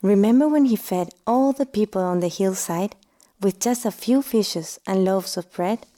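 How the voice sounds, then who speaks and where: A woman as a gentle, devout mother. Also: medium pitch, normal speed, natural voice. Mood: tender. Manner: soft, tender, half-whispered. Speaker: voice actor. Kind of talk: audio drama acting.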